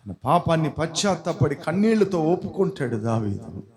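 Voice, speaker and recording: A man's voice: fairly high pitch, sing-song, normal speed, a little mellow. A man preaching an emphatic sermon and acting out stories in different voices. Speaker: pastor.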